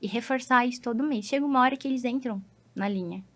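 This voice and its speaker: A woman's voice: on the high side, fast, a bit bright. Brazilian woman psychologist, patient and explanatory. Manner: patient, explaining with everyday examples. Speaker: psychologist guest. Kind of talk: explanatory podcast conversation.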